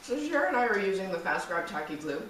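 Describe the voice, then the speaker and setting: A woman's voice: mid-range voice, big pitch swings, quick pace. A woman co-hosting a home crafting show, enthusiastic and giggly, often humming agreement. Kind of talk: casual crafting chat. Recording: echoey room, distant mic, faint background noise.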